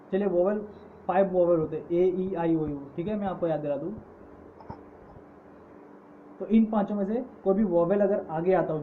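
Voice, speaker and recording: A man teaching English grammar in an online lecture, patiently listing word forms. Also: high voice. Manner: slow, patient, repeating word forms in lists. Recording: tinny phone-like audio with faint hiss.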